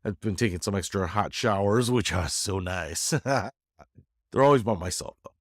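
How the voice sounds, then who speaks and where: Male YouTuber, low pitch, stuffed up with a cold, casual and self-deprecating, recorded close and dry. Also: measured pace, no room sound. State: congested from a head cold. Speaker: YouTuber giving a channel update. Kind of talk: casual rambling chat to viewers.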